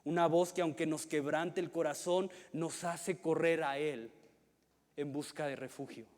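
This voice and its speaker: A man's voice: a little high, fairly even intonation, a little slow, a little mellow. A man in his thirties with a Mexican accent preaching a sermon as a pastor, earnest, often repeating a word as he starts a phrase. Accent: Mexican Spanish. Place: church hall. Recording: long reverb of a large hall.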